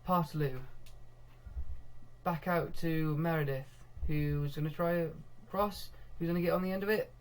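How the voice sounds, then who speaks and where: A young man commentating live on his own football management game, getting excitable when goals come and laughing at himself. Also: fairly high pitch, normal speed. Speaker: gaming video host.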